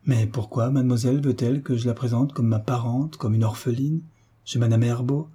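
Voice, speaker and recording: A man's voice: mid-range voice, fairly even intonation, brisk, dark tone, breathy edge. A man voicing a devoted, fawning governess in an audiobook, fussy and deferential. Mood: flustered. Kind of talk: audiobook character reading.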